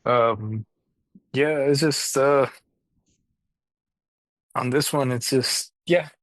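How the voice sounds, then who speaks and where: A man appearing as a guest on a casual football podcast, speaking in brief, laid-back replies while hoarse and clearing his throat. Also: medium pitch, extremely slow, no room sound.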